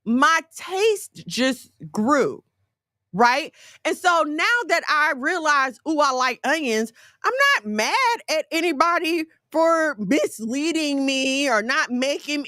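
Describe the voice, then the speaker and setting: Bright-voiced woman in her forties. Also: sits high, takes it slowly, dry recording, clean studio sound. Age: 40s. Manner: conversational, folksy, animated storytelling with asides. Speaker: faith talk host. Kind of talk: casual faith talk.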